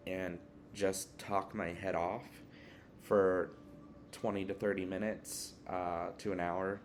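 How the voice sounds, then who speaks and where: A tired man answering tag questions in a relaxed, rambling casual chat at home, yawning now and then. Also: sits low, slight background noise. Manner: relaxed, rambling, with fillers and restarts. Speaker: witchcraft vlogger answering a tag. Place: one-bedroom apartment.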